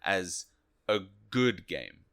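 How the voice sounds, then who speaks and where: A man co-hosts a casual game review podcast, talking in a halting, jokey manner and often repeating phrases. His voice is low and smooth, slightly bright, with big pitch swings.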